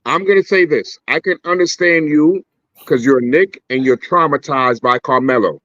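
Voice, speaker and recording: A man with a high voice for a man talks basketball in a quick, teasing way. He sounds close and dry, with a slightly dull, muffled mic. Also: fairly bright tone, no echo. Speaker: podcast co-host. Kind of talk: casual sports debate.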